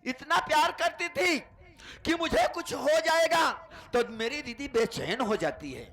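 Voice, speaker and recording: A man's voice: very high-pitched, lively intonation, measured pace, fairly bright tone, heavily acted. A man playing a betrayed, vengeful husband in a folk stage play, declaiming to the audience. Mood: grieving.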